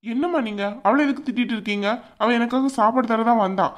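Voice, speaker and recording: A woman's voice: a little high, fast talker, close to an everyday voice. A woman voicing a young husband in a cartoon who blusters and threatens his wife. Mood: blustering. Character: bullying young husband, now cowed. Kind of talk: cartoon voice acting.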